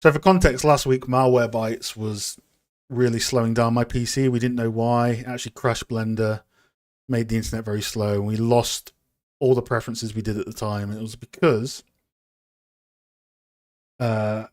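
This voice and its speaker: A man's voice: mid-range voice, fairly even intonation, moderate pace, darkish tone. A man hosting a casual live stream, chatting with viewers in a rambling, self-deprecating way while working on a model. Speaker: streamer and game art host.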